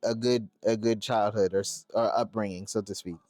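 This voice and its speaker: Mellow-voiced casual male interviewer. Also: fairly low pitch, steady tone, moderate pace, dry recording. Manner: casual, loose phrasing with fillers. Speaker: interviewer and channel host.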